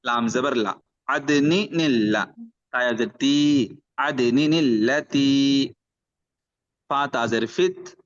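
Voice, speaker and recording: A man leads an online Quran reading lesson, sounding out letters and vowel marks one syllable at a time. His delivery is slow and deliberate, and he breaks off now and then for brief rule explanations. The recording is muffled and lo-fi. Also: mid-range voice.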